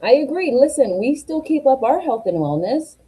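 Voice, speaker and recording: A woman co-hosting a casual livestream chat as a board member, lively and affirming, reading out viewer comments. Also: sits high, normal speed, slight background noise, low-quality recording.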